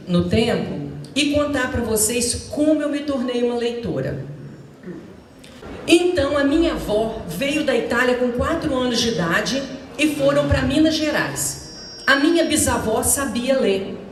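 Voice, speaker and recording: In a big, echoing school hall, a woman in her sixties, a retired teacher from Brazil, shares personal anecdotes with students as a guest speaker. Her voice sits high and carries a Brazilian Portuguese accent; she talks chattily and straight to her listeners. She holds a microphone, and the distant recording has a slight hiss or hum.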